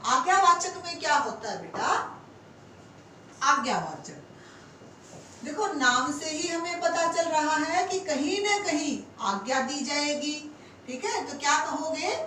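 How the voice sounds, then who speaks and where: A woman's voice: high-pitched, animated, bright, forceful tone, heavy reverb, recorded from a distance, slight background noise, low-quality recording. A woman teaching Hindi grammar to exam students, answering her own rhetorical questions and calling them "beta". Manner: stretches example sentences slowly word by word. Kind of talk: classroom lecture for exam students.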